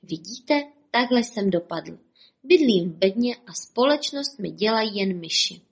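A woman's voice: mid-range voice, expressive, creaky, husky. A woman voicing a gloomy, unlucky older male stage magician who sighs mournfully.

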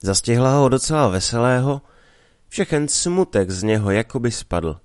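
Animated man reading a storybook. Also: mid-range voice, clean tone, no room sound, clean studio sound.

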